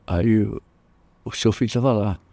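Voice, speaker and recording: An older man with a Brazilian accent, a jiu-jitsu master telling animated stories in an interview, jumping up in pitch when he quotes people. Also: moderate pace, gravelly, no echo. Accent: Brazilian Portuguese. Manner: animated, acts out quoted voices with jumps in pitch. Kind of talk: storytelling in casual interview.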